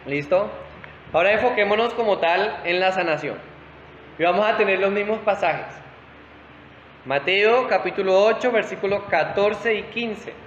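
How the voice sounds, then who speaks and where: A man's voice: high voice, moderate pace, a bit bright, a little hiss or hum. Man, pastor teaching scripture, checks in with the room, dull lo-fi sound. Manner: checks in with listeners, asking "¿Sí?". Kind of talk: Bible study teaching. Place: church hall. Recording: roomy hall echo, dull lo-fi sound.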